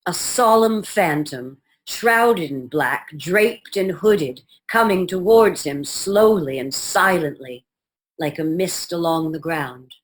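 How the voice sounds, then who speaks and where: A woman narrating a radio play in a measured, dramatic storytelling manner. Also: on the low side, expressive.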